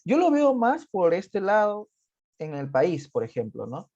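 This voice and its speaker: A man, speaking calmly and thoughtfully in casual conversation. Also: high-pitched, a little slow. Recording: dull lo-fi sound.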